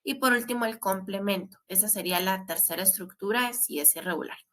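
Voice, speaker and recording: A woman's voice: mid-range voice, brisk, fairly bright tone. A woman teaching English grammar in a recorded class. She explains step by step and often adds a questioning tag.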